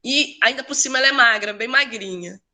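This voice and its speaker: A Brazilian woman, an educator and researcher, tells a personal story in a casual talk. Her voice is fairly high, a little fast, and sharp, and her conversational delivery is full of tag questions and restarts.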